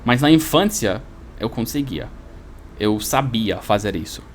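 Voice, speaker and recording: Lively man teaching a lesson. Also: lowish voice, measured pace, slight background noise. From United States. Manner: patient, repeats examples, explains step by step. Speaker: English teacher. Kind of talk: explanatory language lesson.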